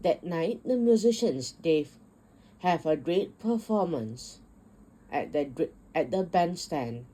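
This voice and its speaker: Slow, husky woman reading a storybook. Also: low-pitched, lively intonation, mellow, poor audio. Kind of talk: picture book read-aloud.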